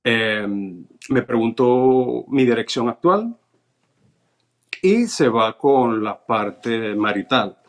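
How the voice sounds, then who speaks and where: Man, storytelling, steady mid-pitched voice, reads notes aloud. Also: very slow. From Venezuela. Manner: recounts events step by step, reading notes aloud. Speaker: interview guest. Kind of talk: casual storytelling.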